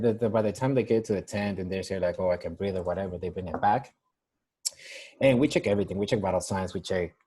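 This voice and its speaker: This young man from Mexico, a nurse with a Mexican Spanish accent, chats over the phone from San Diego in a loose, rambling interview full of restarts. His voice is low, warm and husky.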